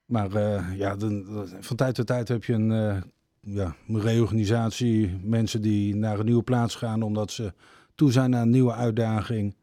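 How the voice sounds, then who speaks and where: Hesitant fifty-something man, dark voice. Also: fairly low pitch, steady tone, measured pace, dry recording, clean studio sound. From Netherlands, Groningen. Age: 50s. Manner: hesitant, many fillers. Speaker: deacon, radio guest. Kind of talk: casual radio interview.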